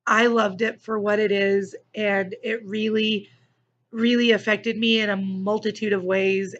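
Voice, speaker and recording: A woman's voice: mid-range voice, sharp tone, lo-fi sound. A woman giving a casual, gushing book review in an effusive, enthusiastic manner.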